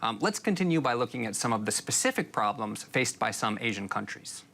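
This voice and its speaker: A man's voice: mid-range voice, very animated, fairly quick, gravelly, fairly bright tone. A man hosting an interview, asking questions in a conversational, inquisitive way. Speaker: host.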